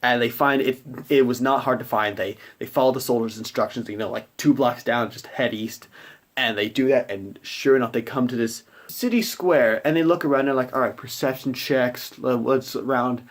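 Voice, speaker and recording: A man, a game master, recounts a tabletop session in a loose, rambling way, full of "like" and "you know". His voice is mid-pitched and ordinary. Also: moderate pace.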